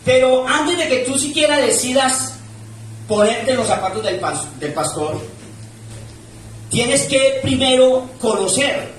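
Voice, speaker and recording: High-voiced preaching man, echoey hall. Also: a little hiss or hum. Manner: preaching with rising and falling emphasis, reads scripture aloud. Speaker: pastor. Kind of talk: sermon. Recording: echoey church room from far off.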